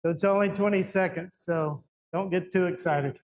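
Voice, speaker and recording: A man with a slightly high voice moderates a live event. He introduces and links the questions in an informal, unscripted style. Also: moderate pace, darkish tone, slight background noise, low-quality recording.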